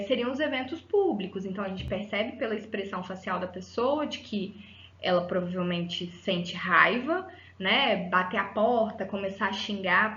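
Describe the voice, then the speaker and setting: Patiently teaching psychology, a woman with a mid-range, fairly bright voice explains concepts didactically, dropping fillers and tacking "né?" onto her sentences. The sound is roomy and a little dull.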